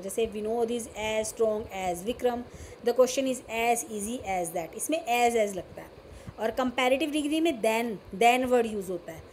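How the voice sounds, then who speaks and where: A woman with an Indian English accent teaches a grammar lesson in a slightly high voice, moving slowly and deliberately. She mixes Hindi and English and keeps stopping to check that her students have followed. A faint background noise sits under the recording. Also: darkish tone.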